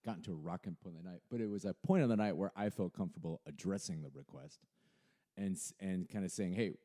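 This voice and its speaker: A man's voice: low voice, quick pace. A man hosting a podcast, a piano performer telling stories with hesitant restarts. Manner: storytelling, hesitant restarts, quiet when serious. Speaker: podcast host and dueling pianist. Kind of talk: casual podcast interview.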